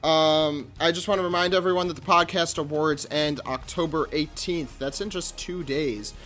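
A man hosts a podcast in loose, unscripted chat. His delivery is halting, and he stumbles over his phrasing as he addresses listeners. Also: on the high side, a bit bright, faint music behind. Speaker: podcast host.

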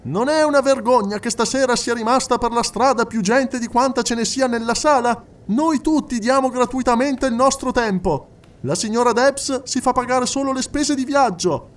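A man's voice: very high voice, moderate pace, far from the mic, voice pushed up. A man doing a fervent young secretary. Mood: pleading. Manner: fervent, raised pleading voice. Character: earnest young male secretary making an appeal.

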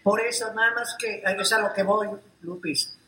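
Woman, bright voice, animated slangy storyteller, teasing, echoey room. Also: mid-range voice, normal speed. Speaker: gossip show co-host. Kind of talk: casual showbiz gossip chat.

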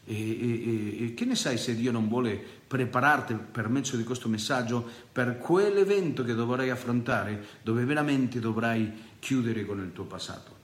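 A man preaching a sermon as pastor, impassioned and rising to loud peaks, with frequent fillers and restarts. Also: medium pitch, moderate pace, few pauses, reverberant.

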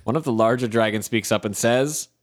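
A man's voice: mid-range voice, brisk. A young man narrating an AI-run tabletop game, reading the text aloud and joking in between. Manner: reads narration aloud, breaks off laughing and joking.

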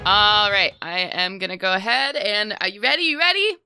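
A woman hosting as dungeon master in casual, rambling, excitable and giggly podcast chat. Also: medium pitch, moderate pace, loud music behind the voice.

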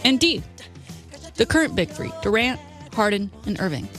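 Female sports radio co-host, mid-pitched, casual and opinionated, light music bed. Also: big pitch swings, moderate pace, fairly bright tone. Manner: opinionated, conversational.

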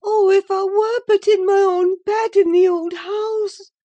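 A woman's voice: sits high, takes it slowly, warm tone, muffled recording, voice pushed up. A woman voicing a delirious, frightened young married woman in an audiobook of a classic novel, fretful, pleading and prone to gasping exclamations. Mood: pleading, bitter.

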